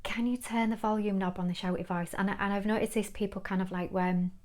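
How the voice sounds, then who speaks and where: Woman, spiritual guide, earnest, reflective, soft laughs, unhurried talk. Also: medium pitch, steady tone. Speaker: kinesiology teacher and spiritual guide.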